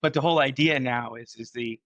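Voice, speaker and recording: A man's voice: mid-range voice, fairly quick, a bit bright, dry recording, poor audio. A man hosting a casual podcast interview, teasing his guest and rambling with restarts. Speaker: podcast host, company CEO.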